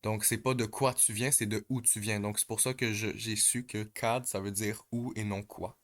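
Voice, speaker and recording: A man calmly explains language exercises step by step, pausing often and filling gaps with hesitations. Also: on the low side. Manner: hesitant, many pauses and fillers.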